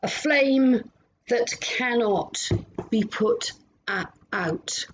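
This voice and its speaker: A woman minister at home, leading a gentle, meditative prayer and reflection with long pauses. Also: on the high side, slight background noise, rough recording.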